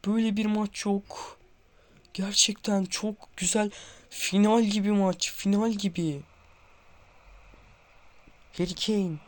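A young man with a high-pitched voice gives live commentary while playing a football video game, speaking slowly and pausing often. Tense and excited, he nervously calls out player names to viewers and says his hands are trembling, then bursts into shouts when a goal comes.

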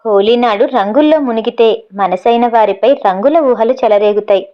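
A playful young man teases his sweetheart down the phone in this audiobook novel, as a woman reads him in her own fairly high voice. His talk is affectionate and mischievous. The audio sounds dull and lo-fi. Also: moderate pace, lightly acted. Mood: teasing. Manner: teasing and affectionate.

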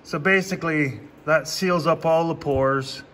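A fairly high-voiced man walks through a tractor repair in an unhurried, plainspoken drawl, slipping in dry sarcastic asides. His voice rings off the walls of a farm workshop, with long reverb and a faint background hum. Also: a bit bright. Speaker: farmer doing his own repairs. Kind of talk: casual how-to vlog narration.

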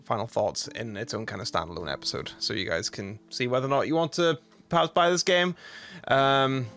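A man's voice: medium pitch, fairly bright tone. A man giving casual let's play commentary, chatty and rambling, laughing easily as he reacts to the game. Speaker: streamer.

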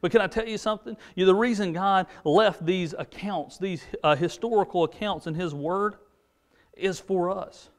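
A man in his forties with a high-pitched voice leads a children's church lesson from a pulpit. He tells the story animatedly and often restarts his sentences, speaking into a lapel mic on a studio set. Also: moderate pace. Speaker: junior church preacher.

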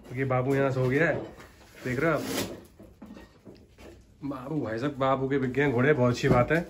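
A man's voice: mid-range voice, flat delivery, fast, background noise. Chatty man vlogging at home. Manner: chatty, doting, baby talk to the infant. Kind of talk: casual family vlog narration. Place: home, indoors.

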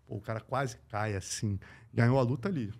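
A middle-aged Brazilian man with an accent from home, spinning a story as a podcast guest. His speech is slangy and salted with curses, and it jumps from loud bursts to near-whispers. His pitch sits in the ordinary middle for a man. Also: a little fast. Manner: slangy, profane, swings between loud and hushed, acts out quotes. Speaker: podcast guest, combat sports journalist. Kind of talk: animated anecdote telling.

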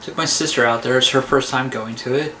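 Man, 40s, casual, relaxed voice-over, middle pitch, noisy home room. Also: brisk. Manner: relaxed, offhand, trailing fillers. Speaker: vlogger. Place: small cluttered room at home, indoors.

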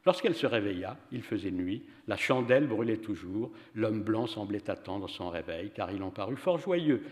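A man giving a measured, expressive public reading of a story at a literary event. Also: lowish voice. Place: venue hall for a public reading. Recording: reverberant hall.

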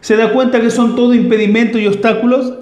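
A man's voice: very high-pitched, fairly even intonation, fast, a little mellow, reverberant. A man preaching a sermon as pastor, emphatic and full of rhetorical questions.

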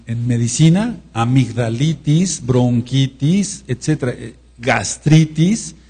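A man's voice: a little high, mellow, slightly rough. A man with a Mexican accent teaching a sermon, repeating key words and asking his listeners questions. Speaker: preacher.

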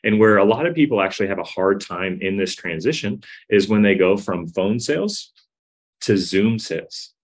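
A man's voice: lowish voice, animated, fairly quick, hardly any pauses. A man teaching sales technique in a casual coaching tone, often checking in with "right?". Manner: coaching, demonstrates tones, says "right?" and "we wanna" often. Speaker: sales trainer. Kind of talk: instructional talk.

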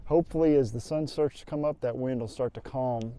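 Relaxed man vlogging on a windy hilltop. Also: mid-range voice, fairly quick, clear, resonant tone. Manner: relaxed, thinking aloud with fillers and restarts. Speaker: landscape photographer. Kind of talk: casual vlog explaining camera settings. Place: windy open hilltop outdoors. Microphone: lapel mic.

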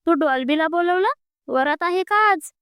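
A woman's voice: sits high, level tone, moderate pace, dry recording, lightly acted. A woman voicing an angry young man, a reluctant groom, speaking in a heated, accusing way during a storybook reading. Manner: heated, accusing, close to tears.

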